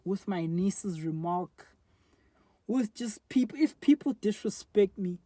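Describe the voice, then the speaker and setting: A high-pitched, dark-toned voice comes from a South African man in his 20s rambling candidly into a phone front camera. His casual, reflective vlog monologue is full of fillers, and the recording has no room sound.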